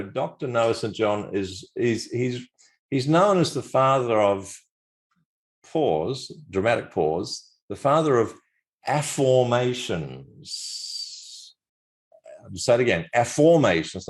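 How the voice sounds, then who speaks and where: An upbeat Australian man hosting an interview show, his low voice carrying a playful, announcer-like lilt. He reads his introductions with flair over a remote call microphone. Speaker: podcast host.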